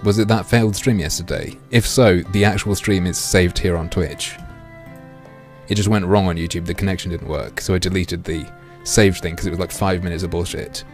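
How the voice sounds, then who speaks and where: A man livestreaming through a headset mic, reading a game aloud and joking crudely with his chat in a deadpan way. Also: low-pitched, brisk, soft background music.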